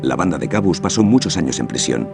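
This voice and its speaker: A man's voice: very deep voice, big pitch swings, fast talker, gravelly, music in the background. A man reading scripted documentary narration.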